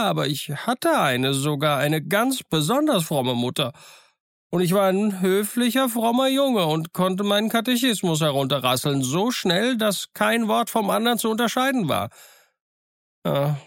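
A man voicing a childlike, excitable old castaway sailor who has gone half mad alone, in an eager, wheedling, sing-song way. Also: high voice, vocal fry, no echo, clean studio sound, voice pushed up, heavily acted. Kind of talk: audiobook character voice.

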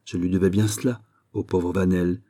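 A man voicing a proud, courteous nobleman in a novel reading, answering politely and calmly. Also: low voice, moderate pace.

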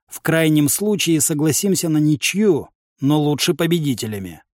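A man's voice: a little high, very animated, moderate pace, no room sound, clean studio sound. A man voicing a squad commander who talks in curt, commanding phrases. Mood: stern.

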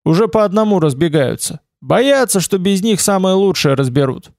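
Guy reading as a cool unbothered old-hand warrior, audiobook, gravelly, a bit higher. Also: expressive, normal speed, a little mellow, dry recording, clean studio sound. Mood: coolly explaining. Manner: cool, matter-of-fact. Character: calm seasoned male Russian wanderer-warrior.

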